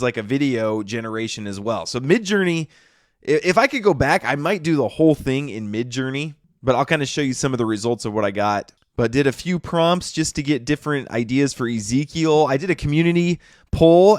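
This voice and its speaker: A man's voice: medium pitch, no room sound, studio quality. A man YouTuber casually talking through his workflow in a chatty tutorial, often checking in with "okay?".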